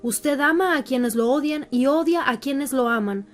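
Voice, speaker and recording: A woman reading the lines of a blunt, stern army general, scolding and forceful. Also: high voice, unhurried.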